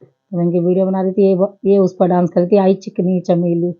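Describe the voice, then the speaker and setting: A woman's voice: on the low side, flat delivery, fast talker, narrow, tinny audio. A woman in her thirties giving a chatty, homely running commentary over her family vlog. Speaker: family vlogger.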